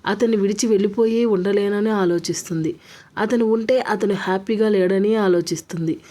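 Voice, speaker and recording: A woman narrating a romance story in a steady, even reading voice. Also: mid-range voice.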